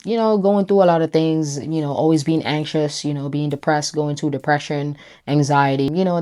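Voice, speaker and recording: Speaking casually to camera, a young brand founder with a Jamaican accent reflects on things in a deep, dark voice. She leans heavily on phrases like "you know" and "right?".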